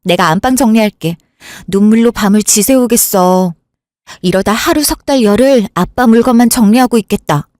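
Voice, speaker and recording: A woman voicing a breezy, offhand younger sister in a radio drama who talks briskly and brushes things off. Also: medium pitch, darkish tone, dry recording, clean studio sound, close to an everyday voice. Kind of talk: Korean radio drama acting.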